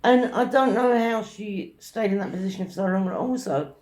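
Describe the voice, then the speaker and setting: A woman's voice: medium pitch, moderate pace, low-quality recording. A woman from London chatting casually on a vlog, telling a travel story. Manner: chatty storytelling, acting out shouted quotes. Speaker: vlogger. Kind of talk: casual chat.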